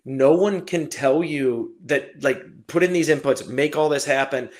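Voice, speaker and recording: A man's voice: a little high, measured pace. Rambling man hosting a podcast. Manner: rambling, searching questions full of fillers. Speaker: podcast host. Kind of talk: casual interview.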